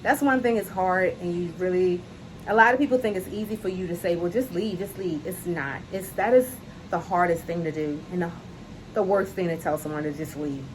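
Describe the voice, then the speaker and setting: Through a low-quality recording with slight background noise, a woman's low-leaning, darkish voice comes a little fast. She's a self-love coach outdoors on a hot day, offering an earnest, encouraging talk to camera and repeating her key phrases from the heart.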